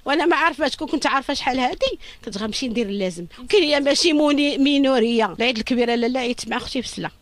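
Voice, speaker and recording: Middle-aged woman, Moroccan Arabic accent, grieving mother in an interview; lamenting, rushed delivery, dry close sound. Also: high-pitched, dry recording. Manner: urgent, lamenting, pleading. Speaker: mother of a victim. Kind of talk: emotional interview testimony.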